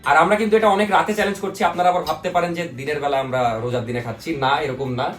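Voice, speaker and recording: A man's voice: a little high, lively intonation, racing. A man chatting casually as the host of a challenge vlog. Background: clear music.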